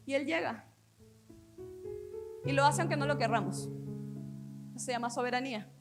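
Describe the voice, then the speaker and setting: A woman pastor with a high voice preaches a sermon earnestly. Her phrases often sink softly at the end. Faint music plays behind her. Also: moderate pace. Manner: earnest, with soft dropping phrase endings.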